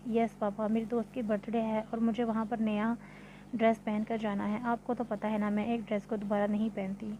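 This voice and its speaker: A woman's voice: on the high side, level tone, brisk, dark tone, muffled recording, slight background noise, close to an everyday voice. A woman voicing a spoiled, hot-tempered rich young woman in a read-aloud novel, with demanding, scolding lines. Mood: pleading.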